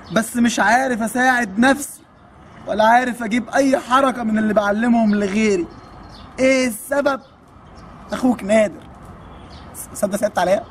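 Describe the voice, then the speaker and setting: This high-sitting male voice carries a slight hiss or hum. He's an Egyptian man in his twenties, a kung fu coach fielding viewer questions in a casual Q&A, joking and teasing as he goes, with an Egyptian Arabic accent.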